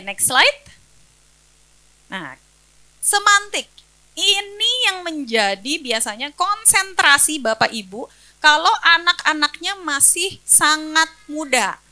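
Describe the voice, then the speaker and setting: A woman's voice: high voice, sharp tone. A woman speech-language pathologist giving an educational talk for parents, explaining step by step, asking rhetorical questions and answering them, and listing examples one by one.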